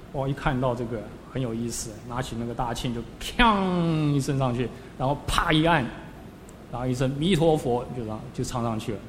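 A man, a Buddhist monk, giving a storytelling sermon, acting out scenes with sudden rises and drops in his voice. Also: medium pitch. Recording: long hall reverb with faint background noise.

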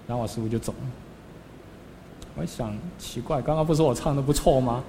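In a long, reverberant hall with faint background noise, a monk delivers a story sermon in a brisk, dark-toned, mid-range voice. He dramatizes scenes with sudden rises and drops.

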